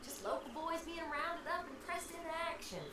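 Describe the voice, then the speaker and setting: A woman's voice: sits high, normal speed, lightly acted. An actress playing a brash, confident American woman outlaw in a video game. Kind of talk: dramatic video game acting. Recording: distant, echoey, noisy game audio.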